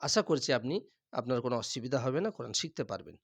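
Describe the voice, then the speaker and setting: A man teaching Quran reading, patiently spelling out each syllable and repeating words slowly, often clearing his throat. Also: mid-range voice, expressive. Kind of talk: recitation class, spelling out letters.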